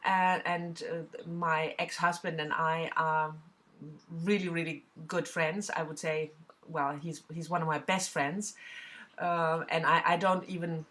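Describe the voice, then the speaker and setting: A middle-aged woman from southwest Germany, speaking with a German accent, chats casually to the camera as a book vlogger. Her voice is deep with a fairly bright tone, and she uses plenty of fillers and restarts.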